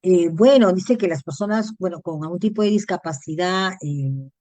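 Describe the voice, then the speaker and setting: A woman's voice: lowish voice, moderate pace, mellow, no echo. A woman psychologist with a Peruvian Spanish accent gives a conference lecture in a conversational way, often adding tag questions and repeating words.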